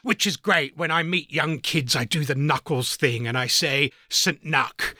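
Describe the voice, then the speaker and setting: A man's voice: on the high side, measured pace, pushed and bright, no room sound, heavily acted. A man playing a jolly, witty old Santa Claus with a refined, well-spoken manner, as a guest in a radio studio. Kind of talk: comic in-character radio interview.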